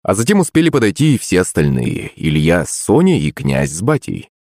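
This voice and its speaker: A man's voice: sits low, huge pitch swings, brisk, a little mellow, no echo, clean studio sound. A man reading a first-person audiobook as narrator.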